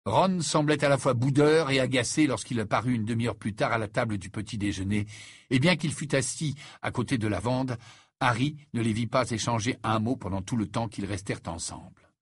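A man narrating an audiobook in an expressive storytelling way. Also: medium pitch, a little fast, breathy edge, no echo, studio quality.

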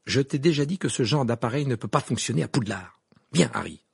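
A man voicing a brisk, bossy studious schoolgirl, speaking firmly with a husky, gravelly voice. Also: on the low side, animated, a little mellow, heavily acted. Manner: brisk, firm.

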